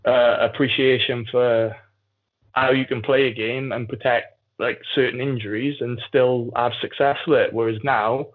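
Over muffled, phone-like call audio, a man with a South Wales Valleys accent chats candidly as a podcast guest, a jiu-jitsu athlete sharing casual stories. He speaks unhurriedly, with a medium pitch and fairly even intonation.

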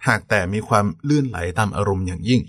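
A man co-hosting a podcast in a conversational lecture style, polite and quick to affirm. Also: fairly low pitch, a bit bright, slightly rough. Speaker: podcast co-host.

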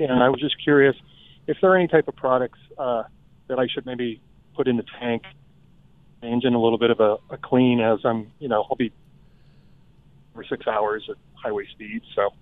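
A man's voice: medium pitch, dry recording. A man calling a radio show on his phone while driving, with the reception breaking up, chatting in an easygoing way. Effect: phone call from a moving car, reception breaking up. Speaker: caller. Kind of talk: casual call-in chat. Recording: tinny phone line, dry.

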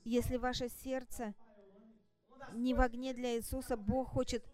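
A woman delivering a church sermon in short, halting phrases, exhorting the congregation as an interpreter would. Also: fairly high pitch, flat delivery, warm tone. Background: music.

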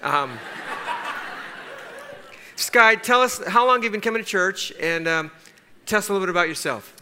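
A man's voice: sits high, unhurried, pushed and bright, clear, resonant tone. A man moderating a church panel, prompting a guest with short, upbeat questions.

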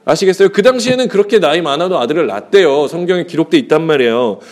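Speaking very fast in an animated, slightly mellow voice, a male pastor gives a chatty sermon. He asks the congregation rhetorical questions and acts out dialogue, shifting pitch as he goes.

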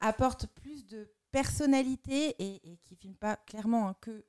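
A woman's voice: fairly high pitch, normal speed, warm tone, clear, resonant tone. A woman presenting a culture segment in casual, upbeat live chat. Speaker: culture columnist.

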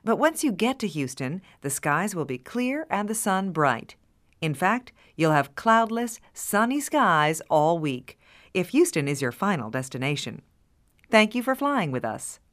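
A woman plays a flight attendant addressing passengers in a scripted cabin announcement. Her voice sits a little low and moves with lively intonation, courteous and formal. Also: measured pace. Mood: courteous, informative.

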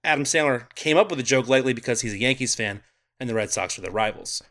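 A man's voice: mid-range voice, fast, fairly bright tone. A man co-hosting a podcast, recapping a movie plot and sharing trivia in casual chat, laughing often. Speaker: podcast co-host.

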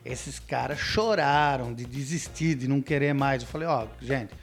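A man, a radio announcer telling stories in a relaxed interview and mimicking stiff announcer voices. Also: mid-range voice, normal speed, soft background music. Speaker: radio announcer and podcast guest. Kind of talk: casual interview chat.

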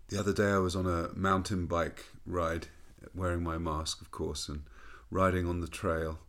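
A rabbi with a very low, deep male voice gives a spoken reflection. He reads a poem and tells a personal story at a measured, thoughtful pace, with pauses. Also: little pitch movement, a bit bright.

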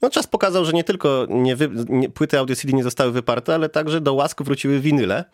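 A man as a podcast guest answering questions thoughtfully, pausing often with fillers. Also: medium pitch, fairly even intonation, darkish tone, no room sound, studio quality. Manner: thoughtful, hesitant with many fillers. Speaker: guest, head of DevOps.

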